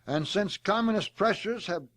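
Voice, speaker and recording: A man delivering a formal prepared speech in a deliberate, oratorical manner, reading it aloud and even saying the quotation marks. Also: high-pitched. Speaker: speaker delivering a prepared address.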